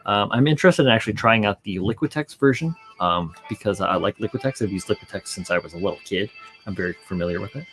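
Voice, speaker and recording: A man hosting a casual livestream chat, relaxed and rambling with many fillers, a little tired. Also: on the low side. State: yawning, tired. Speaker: streamer hosting a model-building stream.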